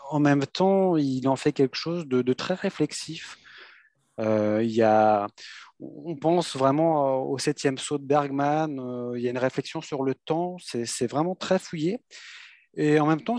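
A man reviewing a film in a casual chat, measured and hesitant with many fillers. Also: medium pitch, a little mellow, dry recording, clean studio sound. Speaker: film critic.

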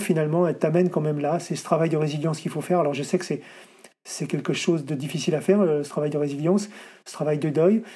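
Fast-talking husky man, many restarts. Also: on the high side, warm tone. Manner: hesitant, many fillers and restarts. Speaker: ultra-distance runner guest. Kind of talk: interview answers.

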